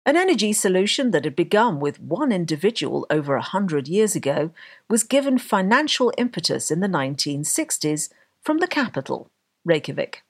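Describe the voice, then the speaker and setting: A woman narrating a documentary script with a husky voice. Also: on the low side, very animated, moderate pace.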